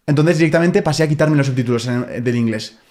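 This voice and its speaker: A man's voice: on the high side, fast, a little mellow. A man, a podcast host telling a personal story in a chatty way. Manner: chatty, personal anecdotes, eh fillers. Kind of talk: podcast interview, casual chat.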